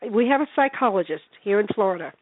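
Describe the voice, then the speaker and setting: A woman's voice: mid-range voice, lively intonation, fast, no echo. A woman from New Jersey chatting and telling stories emphatically as a guest, repeating phrases for effect. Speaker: guest paranormal investigator. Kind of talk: casual storytelling chat. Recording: dry, tinny phone line.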